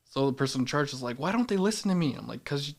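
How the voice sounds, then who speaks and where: Guy on a podcast, flat low-key voice that reads grumpy, blunt, laughs a lot. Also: very fast. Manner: blunt, laughs often while telling stories. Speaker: podcast co-host. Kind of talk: casual chat.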